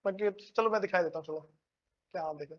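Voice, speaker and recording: A man's voice: high-pitched, quick pace, muffled recording. A man teaching a class in a casual lecture style, often checking whether his students follow and calling them brother. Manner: casual, keeps asking students if they follow; calls listeners "brother".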